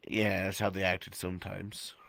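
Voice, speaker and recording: A man from Russia chatting casually with a game partner in a laid-back, drawn-out way. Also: sits low, level tone, creaky, fairly bright tone, no room sound. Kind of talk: casual chat during roleplay game.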